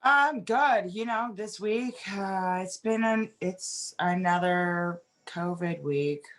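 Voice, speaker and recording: A woman's voice: on the low side, slow pace. A woman hosting a podcast, joking in crude casual banter. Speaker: podcast host. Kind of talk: casual chat.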